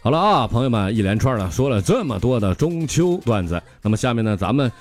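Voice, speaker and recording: A male comedian with a Northeastern Mandarin accent tells jokes in a slangy, animated way, stammering through quick restarts. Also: mid-range voice, over loud music. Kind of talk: stand-up joke telling.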